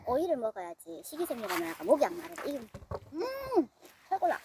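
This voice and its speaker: A middle-aged woman from Gyeongsang with a Gyeongsang accent, nagging briskly on a mountain trail. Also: high-pitched, huge pitch swings, dark tone, slight background noise. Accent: Gyeongsang Korean. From Gyeongsang, South Korea. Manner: brisk, nagging dialect speech. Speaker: vlogger's mother.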